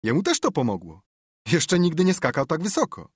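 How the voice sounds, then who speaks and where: A man's voice: a little high, wildly swooping pitch, a little fast, slightly rough, no echo, studio quality, voice pushed up, full character voice. A man voicing a mischievous, sly young boy who plays innocent in an audiobook. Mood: cheeky. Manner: cheeky, pleading innocence.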